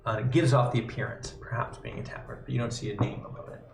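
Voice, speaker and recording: Man, game master, mid-pitched, stop-start narration, roomy echo. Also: vocal fry. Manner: halting, restarts phrases often. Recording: echoey room.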